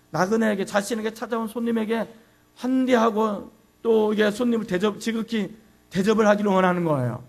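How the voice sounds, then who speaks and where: A man preaching with a high, gravelly voice, telling a story with dramatic rises in intensity. A low mains hum sits under the recording. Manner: dramatic storytelling, shouting quoted lines. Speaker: pastor. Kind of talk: sermon.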